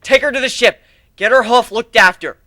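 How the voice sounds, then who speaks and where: A man's voice: very high voice, moderate pace, pushed and bright, no echo, voice pushed up. A man voicing a bold, battle-hardened griffin fighter who barks orders in a fantasy story reading. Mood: battle fury.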